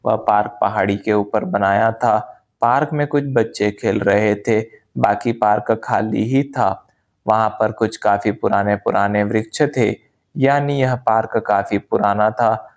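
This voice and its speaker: A man calmly reading a spiritual memoir aloud as an audiobook narration, in a measured, unhurried way. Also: on the low side, highs cut off. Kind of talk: slow scripted audiobook narration.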